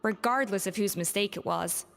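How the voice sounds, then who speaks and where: An actress playing a composed former head chef who speaks in a measured, dignified way. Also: female voice, medium pitch, creaky, a bit bright, big-room sound, soft background music.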